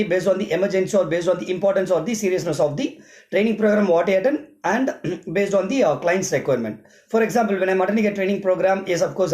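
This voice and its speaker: A man with an Indian accent who works as an event emcee explains things informally, step by step, in a vlog-style monologue, repeating himself and using examples. His voice sits high with a darkish tone, and the sound is roomy and echoing.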